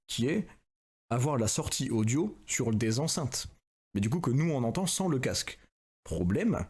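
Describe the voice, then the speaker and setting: A man's voice: medium pitch, darkish tone, breathy edge. A man streaming a horror game with a friend, chatting casually in a crude, joking, bossy way from a home room. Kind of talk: casual gaming stream chat.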